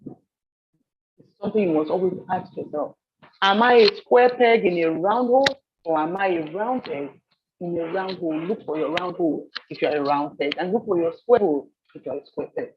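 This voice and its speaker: A woman from Nigeria leading a soft skills training session, telling stories with animated repetition. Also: lowish voice, normal speed, muffled recording, a little hiss or hum. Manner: animated storyteller, repeats phrases. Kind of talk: training seminar talk.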